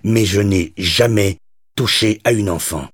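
A man's voice: fairly low pitch, unhurried, husky, no room sound, studio quality, pitched above the performer's own voice. A man voicing a wry, controlled male crime boss in an audiobook. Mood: menacing.

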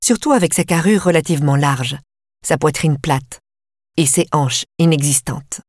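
A female narrator with a low voice delivers a first-person audiobook at a calm, steady pace. The recording is dry and close-miked, with no room sound at all.

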